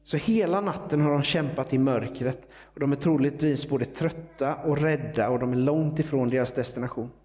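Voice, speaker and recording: A man's voice: mid-range voice, dark tone. A man preaching a sermon in a conversational, explanatory way, with fillers and small asides.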